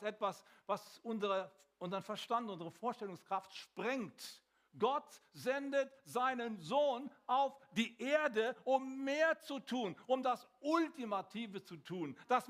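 A man preaching a sermon, dramatic and swinging between emphatic lines and hushed ones, slowing for emphasis. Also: high-pitched.

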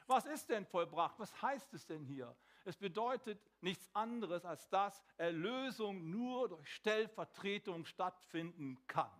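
A man preaching a sermon, dramatic and swinging between emphatic lines and hushed ones, slowing for emphasis. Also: high voice, animated.

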